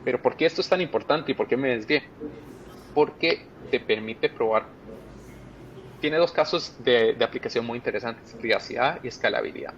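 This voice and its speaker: A man with a Costa Rican accent, a project manager being interviewed, who explains ideas step by step with plain examples. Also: normal speed. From Costa Rica. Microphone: video call. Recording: muffled call audio with faint rumble.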